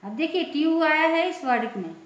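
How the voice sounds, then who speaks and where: Woman teacher, high voice, slow and deliberate, spells each word out, then answers her own question; echoey lo-fi room. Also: expressive. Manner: spells words letter by letter, then repeats the answer slowly. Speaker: English pronunciation teacher. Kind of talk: classroom lesson. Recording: echoey room, dull lo-fi sound.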